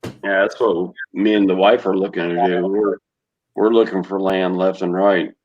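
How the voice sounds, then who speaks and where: A man's voice: sits low, level tone, moderate pace, darkish tone. An easygoing man chatting casually as a live stream guest, laughing often. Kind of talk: casual chat. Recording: dull lo-fi audio.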